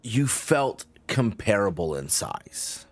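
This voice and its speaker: A man improvising narration as the game master of a tabletop game, describing scenes in a halting way. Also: on the low side, big pitch swings, faint music behind.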